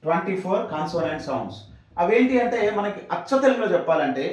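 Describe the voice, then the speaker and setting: A man's voice: sits high, very animated, fast talker. Echoey male teacher explaining phonetics. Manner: explaining step by step, repeating reminders. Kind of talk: classroom lesson. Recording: echoey room, voice from far off.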